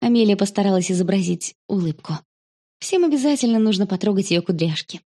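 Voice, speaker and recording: Woman, audiobook narrator, children's story, calm, even, mellow warm tone. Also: medium pitch, a little fast.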